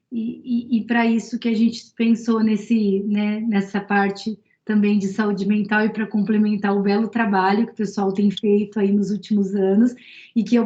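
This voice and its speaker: A woman's voice: mid-range voice, dark tone. A woman speaking earnestly and a bit hesitantly in an online meeting, often checking in with her listeners. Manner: earnest, hesitant, many fillers. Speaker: student association member. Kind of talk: casual online meeting talk. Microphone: video call. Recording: echoey, muffled video call audio.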